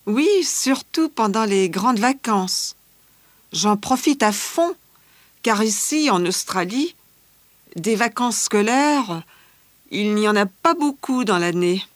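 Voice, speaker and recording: A woman voicing a cheerful teenage schoolgirl who loves fashion, answering interview questions in a scripted exam dialogue with measured, careful delivery. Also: medium pitch, animated, no echo. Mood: calm chatty.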